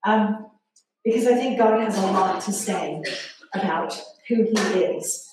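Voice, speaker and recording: A woman in her forties preaching a sermon, telling a self-mocking story with animated energy. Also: mid-range voice, a little slow. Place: large church hall. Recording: very echoey hall, distant mic, faint noise.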